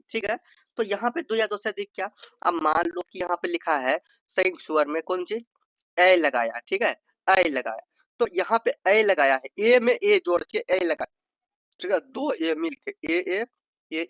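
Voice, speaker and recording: A man's voice: on the high side, fairly bright tone, dry recording. Bihari-accented male tutor, playful and chatty, dull lo-fi sound. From Bihar, India. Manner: playful, stretches vowels to demonstrate, addresses viewers as brother. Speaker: exam tutor. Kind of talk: informal revision lesson.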